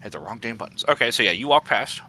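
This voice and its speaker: A man's voice: mid-range voice, lively intonation, fast, pushed and bright. A man running a tabletop game as game master, in a casual, joking manner with hesitant fillers.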